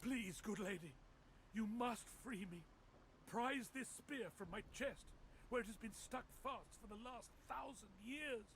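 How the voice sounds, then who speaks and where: An actor voicing an ancient knight pinned by a spear, speaking in an archaic, formal, pleading way in a video game. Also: male voice, sits high, unhurried, a bit bright, a little hiss or hum. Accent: a distinct accent.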